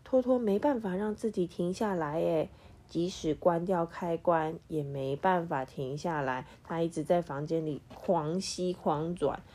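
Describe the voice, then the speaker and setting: A woman's voice: on the low side, unhurried. A mother reading a picture book to her child at home, acting out sound effects and stopping to quiz the child. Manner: animated, acts out sound effects and quizzes the child. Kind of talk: picture-book read-aloud.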